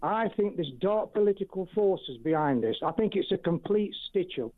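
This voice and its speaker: A male caller heard over a thin, tinny phone line, with a slightly high voice. He talks insistently in casual call-in chat with a radio host. He sounds convinced of a hidden plot. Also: expressive, normal speed. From England.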